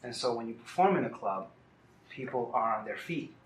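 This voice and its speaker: A man's voice: mid-range voice, animated, normal speed, slight background noise. A middle-aged man from Puerto Rico tells his story in an easy, reflective way, as a guest on an interview show. He speaks outdoors in the city. The sound is roomy, with faint ambience behind him. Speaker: salsa singer, guest. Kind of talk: casual interview.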